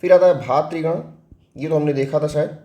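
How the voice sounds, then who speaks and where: A man teaches a spelling lesson for exam prep, explaining step by step with a Hindi accent and asking questions that he answers himself. His voice is a little high and warm, at a moderate pace, in an echoey room.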